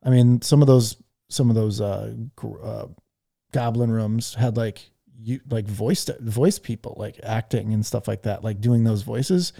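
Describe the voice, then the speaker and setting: A man's voice: fairly low pitch, unhurried, creaky, warm tone. A man hosting a podcast, telling stories in rambling casual chat full of fillers. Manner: rambling, filler-heavy storytelling. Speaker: podcast host. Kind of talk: casual chat on a live audio room.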